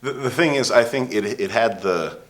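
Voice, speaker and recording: A young man co-hosting a casual chat, rambling excitedly with many restarts. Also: medium pitch, normal speed. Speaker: co-host.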